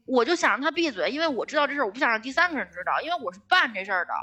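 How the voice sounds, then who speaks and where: A woman co-hosting a casual podcast chat, telling a story in an animated, blunt way with some swearing. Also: high-pitched, racing, slightly rough, dull audio. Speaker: podcast co-host.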